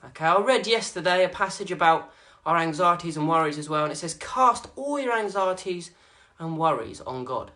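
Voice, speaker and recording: A fitness instructor, winded from a workout, reads Bible verses in a pushed, bright, animated voice of medium pitch, at a moderate pace with hardly any pauses. Earnest and encouraging, the speaker keeps dropping in "okay" and "guys".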